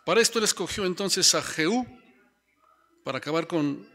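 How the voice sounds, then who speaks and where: Bright-voiced male preacher. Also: a little high, lively intonation, moderate pace. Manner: speaks to the listeners as brothers, tags lines with rhetorical questions. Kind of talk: sermon.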